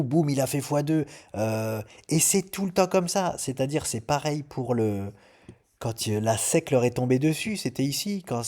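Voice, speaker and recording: A man's voice: mid-range voice, dark tone. A man hosting a trading channel, explaining a price chart in a casual, chatty way and hammering home his point with emphatic repetition.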